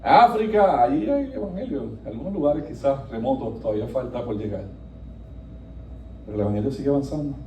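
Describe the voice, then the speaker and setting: A male pastor preaching a sermon with animated delivery, swinging between soft passages and emphatic, rising lines. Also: medium pitch, fairly quick, slight background noise. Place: church sanctuary. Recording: echoey room, voice from a distance.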